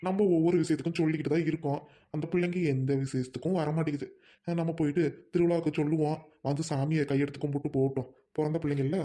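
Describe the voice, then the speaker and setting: Brief: humble village brother, acted by a woman, low and dark, quick earnest talk. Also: fairly even intonation. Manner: earnest, pleading, affectionate. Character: poor, kind-hearted village older brother. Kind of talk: family drama skit.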